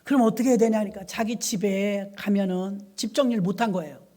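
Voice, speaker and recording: A middle-aged woman pastor delivers a storytelling sermon. She recounts church anecdotes in a lively, conversational way and briefly acts out the voices of the people in them. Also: mid-range voice, quick pace.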